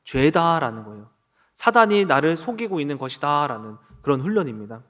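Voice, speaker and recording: A man's voice: on the high side, very animated, fairly quick, fairly bright tone. A man in his thirties preaching a sermon as pastor, acting out quoted dialogue as he goes.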